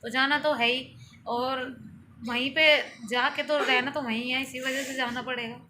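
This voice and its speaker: Woman vlogger, high voice, chatty home talk, noisy phone audio. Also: flat delivery, a little slow, bright, forceful tone. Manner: chatty, explains step by step. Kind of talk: casual home vlog talk. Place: family home.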